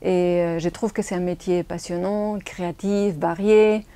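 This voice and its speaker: Answering interview questions, this Spanish graphic designer and photographer uses plain, slightly non-native wording and a Spanish accent from her native Spanish. Her fairly low voice is warm and smooth, with a level tone and measured pace.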